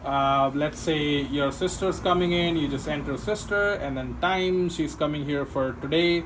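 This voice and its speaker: A man with a voice on the high side speaks a little slowly as he gives an unscripted, informal walkthrough of a security system he installs. He goes step by step, checking in with the listener and tacking "right?" onto many of his points. The background ambient noise is clear.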